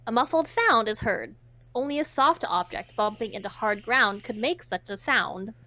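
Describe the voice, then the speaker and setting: A woman reads a visual novel aloud with dramatic delivery, breaking in with sarcastic, irreverent jokes. Her voice is a little high, bright, and forceful, with lively intonation at a moderate pace. The recording sounds slightly dull.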